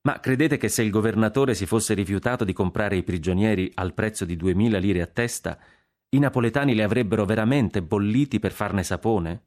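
A man's voice: lowish voice, fairly quick, a little mellow, close to an everyday voice. A man voicing a good-natured American man who asks eager questions.

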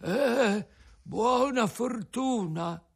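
A man voicing a resigned, philosophical male tuna with a cracked, creaky voice, speaking slowly in a storybook reading. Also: very high-pitched, voice pushed up, heavily acted. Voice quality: cracked, creaky voice like an out-of-tune guitar. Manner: slow, resigned, drawn-out delivery. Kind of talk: audiobook character voice.

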